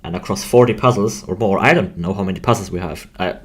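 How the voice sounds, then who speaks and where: Low-voiced and quick, this game developer of around twenty livestreams from a computer desk indoors, chatting loosely in an Austrian German accent. He rambles, hesitates, and keeps breaking off his own sentences.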